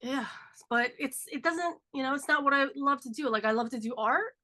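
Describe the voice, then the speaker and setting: Her voice is high, sharp and fairly quick as she hosts a podcast, a woman in her forties who sounds stuffed up from a cold. The conversation is casual and chatty, peppered with "um" and "like."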